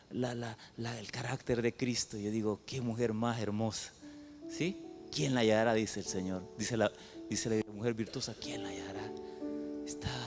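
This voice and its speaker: A man preaching a sermon to his congregation. He swings between loud outbursts and hushed passages, and he often puts questions to the listeners. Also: medium pitch. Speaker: pastor. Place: church hall. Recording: echoey church hall with faint music.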